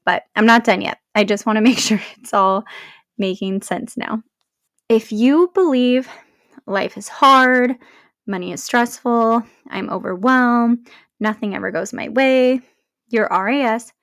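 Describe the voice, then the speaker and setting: A woman speaking as a self-help podcast host, explaining in a chatty, encouraging influencer manner with deliberate phrasing and emphatic pauses. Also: fairly high pitch, dry recording, clean studio sound. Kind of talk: motivational explainer monologue to listeners.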